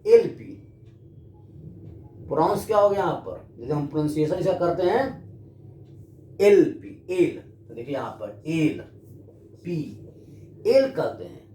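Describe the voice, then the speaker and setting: Animated Indian teacher in echoey room. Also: male voice, on the high side. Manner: addresses students, asks and answers his own questions. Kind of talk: classroom grammar lesson. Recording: echoey room with faint background noise.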